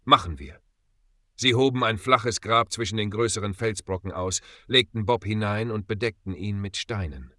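A man narrating a dark adventure audiobook in a grave, dramatic storytelling manner. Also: lowish voice, normal speed, few pauses, no echo, studio quality.

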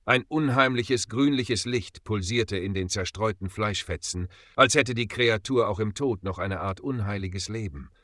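A man narrating a dark adventure audiobook in a grave, dramatic storytelling manner. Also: fairly low pitch, measured pace, few pauses, no echo, studio quality.

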